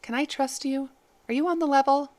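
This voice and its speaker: A woman's voice: high voice, steady tone, a little fast, a little mellow, no room sound, pitched above the performer's own voice, lightly acted. A woman reading the part of a frightened young runaway slave woman who blurts out her worries. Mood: anxious. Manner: anxious, blurting.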